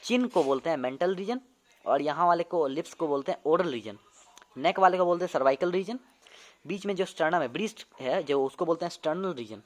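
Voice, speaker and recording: A man's voice: fairly high pitch, lively intonation, a little fast. A young man, a medical student, casually teaching an anatomy lesson, demonstrating movements and often repeating terms to check understanding. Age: young adult.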